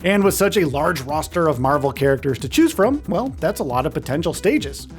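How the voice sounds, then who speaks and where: An enthusiastic man reads a scripted countdown video in an informal style. His voice sits a little high and moves up and down with lively pitch, over background music. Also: brisk. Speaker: video game countdown narrator. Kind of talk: scripted top ten countdown narration.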